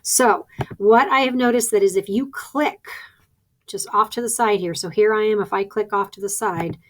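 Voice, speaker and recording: A woman teacher walks through each step of a task in a practical, chatty way. She thinks aloud as she clicks through the screen, and her voice sits at an ordinary middle pitch. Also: steady tone, moderate pace. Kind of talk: instructional screen-recording walkthrough.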